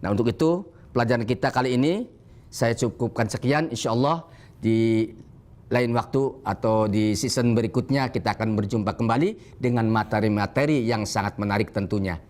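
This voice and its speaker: A man with an Indonesian accent teaching Quran recitation on a televised lesson, explaining rules and stressing points emphatically. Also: fairly low pitch. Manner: alternates explanation with slow chanted Arabic recitation examples; emphatic, animated when correcting mistakes.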